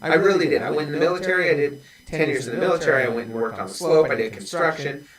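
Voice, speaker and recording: A man's voice: fairly high pitch, animated, fast, roomy sound, crowd noise. A man in his forties speaking bluntly and earnestly in casual conversation. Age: 40s. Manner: earnest, blunt confessional talk. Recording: voice from a distance off mic.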